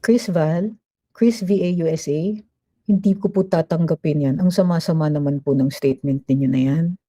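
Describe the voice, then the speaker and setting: A woman's voice: sits low, normal speed, warm tone. A woman giving chatty, emphatic livestream commentary as she reads out viewer comments, mixing Tagalog and English.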